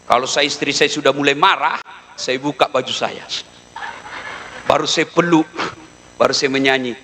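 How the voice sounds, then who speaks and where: A man preaching a comic sermon in an animated way, now and then dropping low to mimic the people he talks about. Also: moderate pace, slight background noise. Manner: animated, mimics widows and wives in a low voice, sings snatches.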